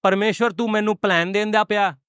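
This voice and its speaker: Pastor, male, high-pitched voice, dry close sound, call-and-response sermon. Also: steady tone, fairly bright tone, clear, resonant tone, no echo. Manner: preaching with call-and-response questions to the congregation; builds to drawn-out, fervent cries.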